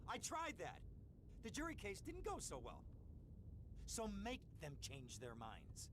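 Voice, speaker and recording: A cowardly crooked lawyer in a video game. His voice sits high and whines with frantic, self-deprecating nerves. There is noticeable noise in the recording. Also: wildly swooping pitch, slow pace, full character voice. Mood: exasperated pleading. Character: panicky, cowardly male crooked lawyer, whining and neurotic. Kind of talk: video game cutscene acting.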